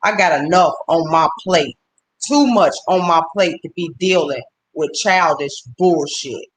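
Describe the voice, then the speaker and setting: A man with a high voice holds an angry livestream rant, swearing freely. He keeps breaking off to greet his viewers by name before going back to his complaint. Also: a little slow, a bit bright, slight background noise. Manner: profane, heated, stops to greet viewers. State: upset.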